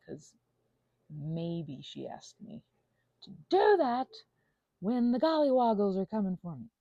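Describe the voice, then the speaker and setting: A woman with a mid-range voice, recorded with no echo and dull audio, finger paints while improvising a stream-of-consciousness ramble for her audio channel. It's scattered, playful and self-deprecating, with tangents, asides and occasional near-whispers.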